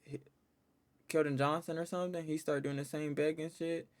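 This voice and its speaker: A man's voice: fairly high pitch, flat delivery, moderate pace. A man casually reacting on a live stream, loose and profane, joking with his chat.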